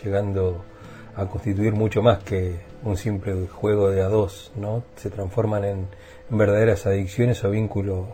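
A man hosting a reflective radio monologue, thoughtful and halting, often repeating words as he searches for them. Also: on the low side, dark tone.

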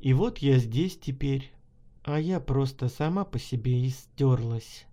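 A weary forty-year-old woman volunteer, as a male narrator puts her on, speaking in a low, flat and bitter voice. This is audiobook storytelling. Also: measured pace, close to an everyday voice.

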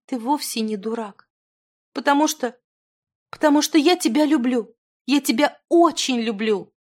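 A woman's voice: sits high, a little slow, pitched above the performer's own voice. A woman doing a shy earnest young woman. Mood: tender.

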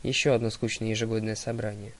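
A man's voice: lowish voice, little pitch movement, quick pace, a bit bright. Male reader as sarcastic bored god, drawling, mocking.

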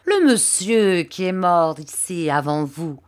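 A woman's voice: on the low side, lively intonation, takes it slowly. A woman reading a fussy, nosy, motherly landlady in an audiobook, sentimental and insistent, repeating herself. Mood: coaxing.

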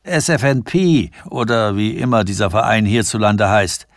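A man's voice: lowish voice, animated, normal speed, dry recording, studio quality. A man voicing a brash, jovial English academic who teases and cackles, read in a radio story. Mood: mocking.

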